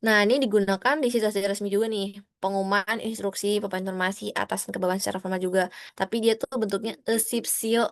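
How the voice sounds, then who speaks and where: A woman teaching an online language class, explaining patiently and acting out sample phrases with rising or flat tones. She speaks to students as friends. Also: medium pitch, rapid-fire, dry recording, studio quality.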